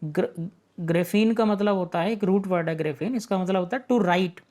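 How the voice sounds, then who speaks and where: A man's voice: high voice, normal speed, darkish tone. A man teaching an online exam-prep vocabulary lesson, patiently explaining words, asking rhetorical questions and constantly checking in with his students.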